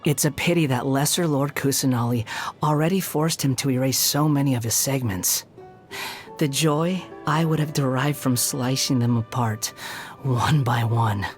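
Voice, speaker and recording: An actor voicing a scornful, aloof, youthful male puppet wanderer in a video game, with a condescending, mocking and deliberate delivery. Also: mid-range voice, faint music behind, lightly acted. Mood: bitter, scornful. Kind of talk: video game character voice acting.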